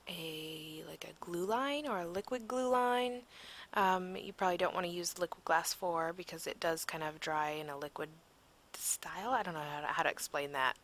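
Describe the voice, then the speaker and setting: Woman crafter, casual voiceover, low and gravelly, sleepy, rambling delivery. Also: fairly bright tone. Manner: rambling, searching for words with frequent ums. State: yawning, tired. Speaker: crafter narrating a process video.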